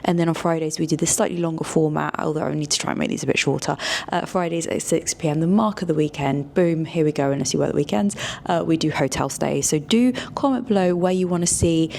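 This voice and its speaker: A woman, casually reviewing a hotel stay in a chatty, candid vlog from her hotel room. She often slips into soft, near-whispered asides. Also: low-pitched, fast, vocal fry, slight background noise. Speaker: hotel and food reviewer, channel host. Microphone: small wireless clip-on mic.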